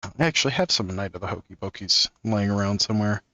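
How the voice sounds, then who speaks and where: A man's voice: on the low side, quick pace, bright, forceful tone, no room sound. A man hosting a card-opening video, reading card text aloud in a casual, amused way and chuckling often. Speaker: card-opening channel host.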